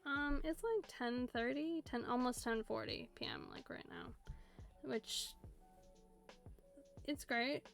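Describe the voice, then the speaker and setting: A woman's voice: sits high, slow, gravelly, pauses often. A woman in her twenties with an American West Coast accent, chatting casually on a stream and rambling with lots of fillers. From United States, Seattle area. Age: 20s. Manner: rambling, filler-heavy talk with many "like"s. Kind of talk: casual chat. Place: home streaming setup. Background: faint music playing.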